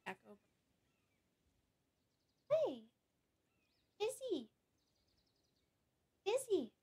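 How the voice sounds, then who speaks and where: A woman's voice: extremely high pitch, wildly swooping pitch, extremely slow, darkish tone. A woman streaming a game live, chatting and reacting aloud as she plays and reads lines. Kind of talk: live gameplay commentary.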